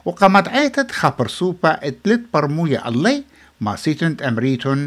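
Lesson teacher, animated pitch, explains phrase by phrase, cues repetition. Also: racing. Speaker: language teacher.

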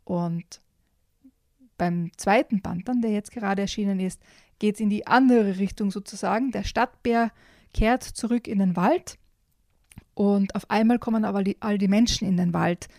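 Woman, children's book reviewer, casual chat, enthusiastic, frequent fillers, mellow tone, dry close sound. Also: mid-range voice, normal speed, no echo.

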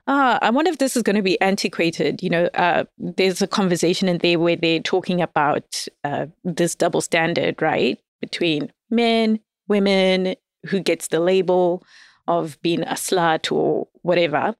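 This woman, a guest on a podcast and a writer of audio fiction, keeps the interview chat casual, laughing a lot and relating stories with animation. She speaks a little slowly in a voice on the low side, and the studio sound is clean with no echo.

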